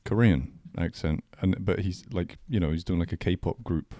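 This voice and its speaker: A man's voice: low voice, fairly even intonation, moderate pace, dark tone, no room sound, clean studio sound. A man co-hosting a podcast in casual chat, laughing often and restarting his sentences. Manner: laughing, stumbling restarts, slangy. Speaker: podcast co-host.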